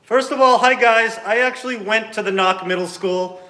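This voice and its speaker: A man's voice: sits high, normal speed, bright, forceful tone, echoey room. A man from the United States, a teacher hosting a school video call, greeting the other class in an easygoing, encouraging way. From United States (Newburyport, Massachusetts).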